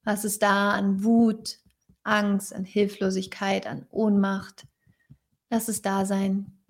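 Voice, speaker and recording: A woman guiding a tapping meditation, giving calm, repetitive prompts for the listener to repeat and sometimes dropping to a soft whisper. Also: medium pitch, slow pace. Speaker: tapping session guide.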